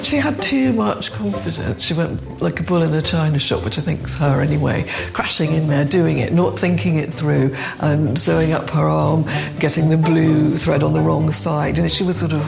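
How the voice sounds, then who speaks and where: A woman teacher with a very creaky voice, commenting informally on a pupil. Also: sits low, moderate pace, over music. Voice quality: very creaky, gravelly.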